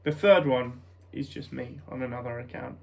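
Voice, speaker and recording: A man's voice: mid-range voice, steady tone, moderate pace, gravelly, a little mellow. A young British man with a nasal voice rambles casually to his vlog viewers, hesitant and self-conscious, often breaking off mid-thought. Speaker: vlogger.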